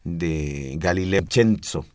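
A Mexican man with a low voice talks through music history in a patient, teacherly way, often repeating his points. The sound is dry and close, with no room echo. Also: slow, darkish tone, smooth. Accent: Mexican Spanish. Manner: didactic, patient explaining with repetitions. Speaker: music expert guest. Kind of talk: explanatory radio talk.

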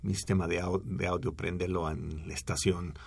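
Middle-aged guy, deep gravelly voice, explains tech on a radio show in long rambling stretches. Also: flat delivery, moderate pace, a little mellow. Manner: long explanations with restarts and fillers. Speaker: speech technology researcher. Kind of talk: explaining technology in a radio interview. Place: radio studio booth.

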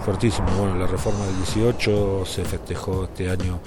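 A man's voice: sits low, level tone, normal speed, very noisy. A man, a university rector, answering in an interview with emphatic conviction. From Argentina. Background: music.

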